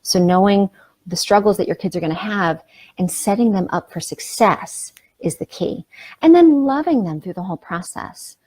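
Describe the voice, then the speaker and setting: A woman's voice: mid-range voice, animated, normal speed, darkish tone, slightly rough. A middle-aged woman coaching parents in a casual, conversational talk, often checking in with "right?" and "you know".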